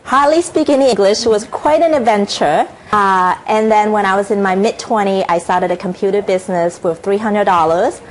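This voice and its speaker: A middle-aged woman from Hong Kong, an author and inspirational speaker with a Hong Kong accent, appears as a TV interview guest. She talks earnestly but haltingly, with frequent fillers and restarts, in a medium-pitched voice, over slight background noise in poor audio.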